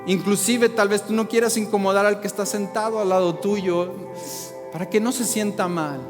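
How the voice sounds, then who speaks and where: A pastor with a notably high voice delivers an impassioned sermon, firing rhetorical questions at his congregation. His voice rings through a large, reverberant church hall, with soft music faintly underneath. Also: fairly even intonation, normal speed. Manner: impassioned, rising to shouts when pleading.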